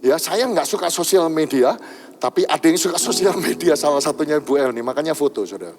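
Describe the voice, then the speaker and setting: A man's voice: on the high side, expressive, a little fast. A man pastor telling a story in a church sermon, often addressing the congregation directly. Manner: storytelling, rising to impassioned shouting. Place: church sanctuary.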